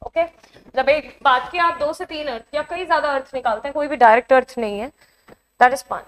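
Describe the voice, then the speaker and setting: A woman's voice: sits high, fairly quick. An Indian woman teacher explaining vocabulary in a lesson, switching between Hindi and English and checking in with her students as she goes. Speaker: exam coaching teacher. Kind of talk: online classroom lesson.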